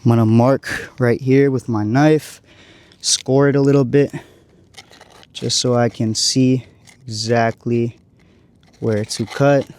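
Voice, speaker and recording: Hoarse roofer narrating a repair. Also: male voice, mid-range voice, steady tone, slow pace, long pauses, darkish tone. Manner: careful, explaining each step. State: hoarse, losing his voice. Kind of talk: on-site repair walkthrough. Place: on a rooftop outdoors.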